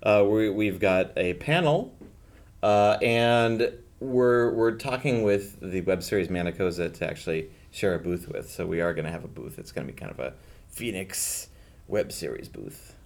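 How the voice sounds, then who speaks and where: A man with a fairly low voice talks casually about his web series. He hesitates often, filling gaps with ums and you-knows, and restarts his sentences as he goes. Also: lively intonation, normal speed, vocal fry. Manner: hesitant, many fillers. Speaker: show creator and director. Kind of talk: casual podcast chat.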